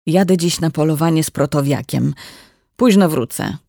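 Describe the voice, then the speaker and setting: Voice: mid-range voice, normal speed, creaky, warm tone, dry recording, studio quality. A narrator voicing a hungry, displeased husband, a party official who talks gloomily and sourly. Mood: sour, pressing. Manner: sour, gloomy muttering. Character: grumpy middle-aged male official, husband.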